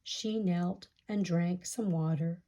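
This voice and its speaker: Slow, darker-voiced woman reading a folktale. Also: fairly low pitch, steady tone, mellow. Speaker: storyteller. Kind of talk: reading a picture-book folktale aloud.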